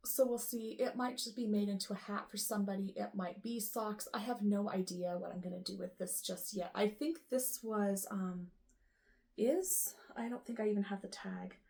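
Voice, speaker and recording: A woman's voice: mid-range voice, creaky, dark tone. Woman rambling about her yarn stash, morning voice, lots of ums and i don't knows. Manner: musing aloud, unsure, lots of ums and trailing off. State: rough morning voice with the odd cough. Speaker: knitting podcast host. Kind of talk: casual chat, sorting yarn on camera.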